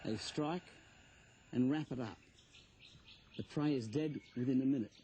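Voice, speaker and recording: A man's voice: medium pitch, measured pace, dark tone, slight background noise. A man with an Australian accent presenting wildlife informally to camera, in a colloquial showman's manner. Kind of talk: informal presenting to camera while handling snakes.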